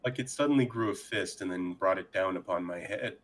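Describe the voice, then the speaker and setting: A man speaking in character at a tabletop game with a very low voice. Dry and matter-of-fact, with a deadpan delivery. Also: fairly quick. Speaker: player. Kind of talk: in-character tabletop role-play.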